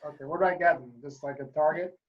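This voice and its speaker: A man on a video call asking short, quick questions. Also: on the high side, steady tone, lo-fi sound. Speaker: caller.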